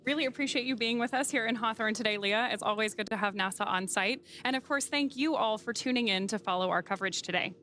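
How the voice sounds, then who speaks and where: A woman's voice: a little high, quick pace, few pauses, pushed and bright, faint music behind. A woman hosting live spaceflight coverage, recapping events as a commentator. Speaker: webcast host.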